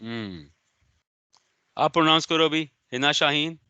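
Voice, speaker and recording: A man's voice: a little high, unhurried, bright, forceful tone, clear, resonant tone, dry recording. A male business law lecturer, giving an online class, stern and sarcastic as he calls on students by name. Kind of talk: online lecture, scolding and explaining.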